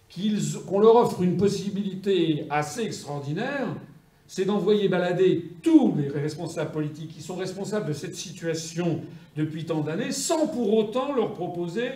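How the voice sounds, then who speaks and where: A man's voice: fairly high pitch, warm tone. A man making an insistent political statement as a campaigner. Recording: echoey room from far off.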